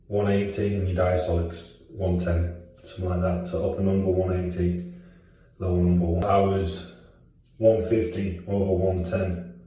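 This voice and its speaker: A low, warm-voiced man vlogs casually in a candid video diary, swearing occasionally as he chats. The mic is distant and the room is very echoey.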